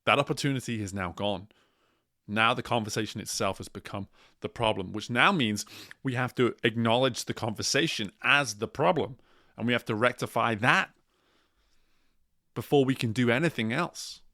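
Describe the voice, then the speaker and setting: A man speaking as a coach and host in a motivational monologue, deliberate and emphatic, repeating key phrases. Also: medium pitch, sharp tone, dry recording, studio quality.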